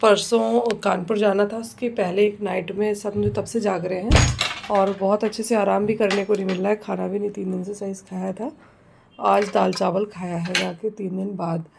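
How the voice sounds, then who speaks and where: A mother in her thirties talks straight to her viewers in a relaxed home vlog. Her voice sits mid-pitch with a slightly gravelly edge, recorded on a phone inside her home with a faint hum of household noise behind her. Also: normal speed. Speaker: vlogger, homemaker and mother. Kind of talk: casual home vlog chat. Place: at home, indoors.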